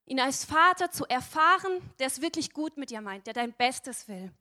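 A woman preaches a sermon with a high, light voice. She speaks earnestly and turns often to her listeners with direct questions, tagging her points with a quick "ja?". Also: lively intonation, sharp tone. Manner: tag questions "ja?".

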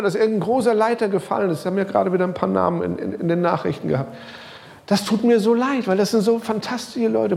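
A middle-aged male pastor preaching a sermon, talking casually and directly to his listeners, his voice rising and falling. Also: gravelly. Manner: lively preaching, pitch rising and sinking, some quiet passages; casual, direct address with English loanwords.

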